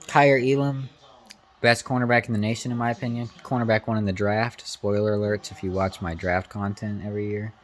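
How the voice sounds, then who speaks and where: A man giving casual, opinionated live reactions to a sports game, slangy and informal, swinging between excitement and grumbling. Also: fairly low pitch, a little fast.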